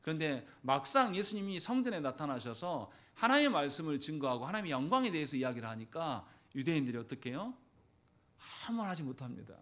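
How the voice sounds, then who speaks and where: A man pastor, delivering a Sunday sermon in a church. His voice sits a little high and swings widely in pitch. He acts out quoted speech with sudden loud bursts. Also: fast. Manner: lively preaching, acting out quoted lines with sudden loud bursts. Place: church sanctuary.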